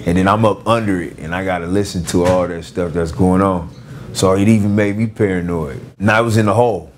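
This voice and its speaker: A man with a very low voice tells his story in a relaxed, casual way, with a Los Angeles street-slang accent. He stumbles through it with many fillers, restarts and repeated words. A faint hiss sits under his voice. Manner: halting, full of fillers and restarts. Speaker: former gang member telling his story.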